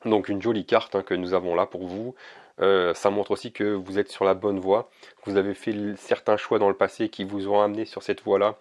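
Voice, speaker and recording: Speaking to camera, a man gives a casual oracle card reading, gentle and hesitant with lots of fillers and restarts. His voice is fairly low in pitch and his delivery flat and brisk.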